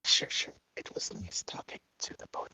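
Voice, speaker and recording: A man's voice: moderate pace, sharp tone, in a whisper. A man talking through a voice changer, giving curt, unbothered answers as the interviewee. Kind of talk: casual online interview.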